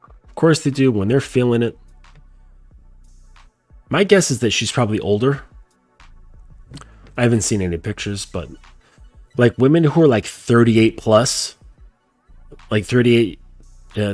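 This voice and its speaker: A podcast host with a cold chats casually on his show, his fairly low, darkish voice coming out nasal and congested. He rambles, full of fillers and restarts, and there's no room sound at all.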